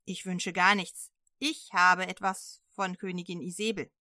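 A woman's voice: fairly low pitch, level tone, a little slow, bright, forceful tone, no echo, studio quality. A woman voicing a menacing male messenger who speaks curtly and coldly. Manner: curt and cold.

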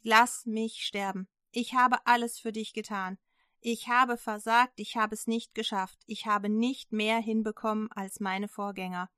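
A woman's voice: a little high, steady tone, measured pace, fairly bright tone, dry recording, clean studio sound. A woman voicing a worn-out male prophet who talks in earnest, sighing pleas. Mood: earnest weary.

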